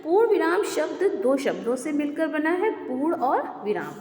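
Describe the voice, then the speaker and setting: A woman's voice: high-pitched, big pitch swings, normal speed, a crowd in the background. A woman teaching a grammar lesson to students, explaining step by step and repeating key words. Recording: echoey room with long reverb, faint background noise.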